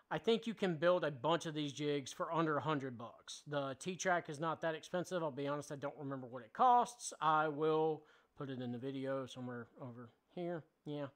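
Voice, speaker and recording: A man's voice: a little high, fairly bright tone. A man in his thirties hosting a casual woodworking how-to, explaining each step plainly with a few fillers, in his home workshop. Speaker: woodworking channel host. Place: home woodworking shop, indoors.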